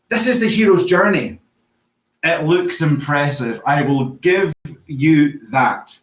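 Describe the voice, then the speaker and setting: Scottish man giving a lively talk. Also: fairly high pitch. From Scotland. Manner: lively, engages audience with quick questions. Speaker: conference speaker on storytelling. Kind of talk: live online conference talk. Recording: echoey, distant from the mic.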